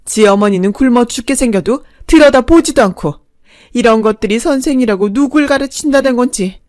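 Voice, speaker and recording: Woman doing a shrill old stepmom-in-law, yelling and whiny, dry sound. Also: expressive, normal speed, no room sound, lightly acted. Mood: wailing. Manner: loud, whining and accusing.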